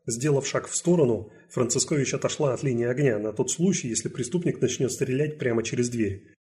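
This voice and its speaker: A man narrating an audiobook thriller in a steady, even storytelling manner. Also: mid-range voice, a little fast. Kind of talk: scripted narration.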